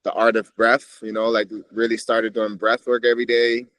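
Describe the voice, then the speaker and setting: A Swiss man whose first language is Swiss German speaks as a podcast guest in casual conversation, reflecting in a meandering way and often restarting. His medium-pitched voice is monotone and a bit bright, at normal speed, in a dry recording.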